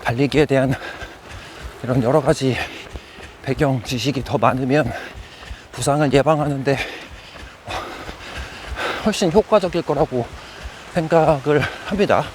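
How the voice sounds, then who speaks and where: A man's voice: medium pitch, measured pace, pauses often, a little mellow, slight background noise. A man talking to his running vlog as he runs, speaking in short, broken phrases. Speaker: running vlogger. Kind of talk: casual vlog monologue while running. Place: outdoors, on a run.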